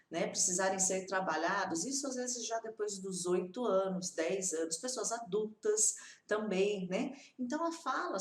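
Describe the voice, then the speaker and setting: A woman teaching in a lively, emphatic way, often checking in with her students with short tag questions. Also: medium pitch, roomy sound, distant mic. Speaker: English teacher. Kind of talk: teaching video, direct address.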